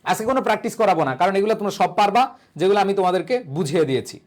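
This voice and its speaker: A man's voice: high voice, animated, racing. A young man teaches an online grammar class. He fires rhetorical questions at his students and answers them himself, then coaxes and reassures them. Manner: reassuring, coaxing tone toward students. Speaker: English admission-test tutor.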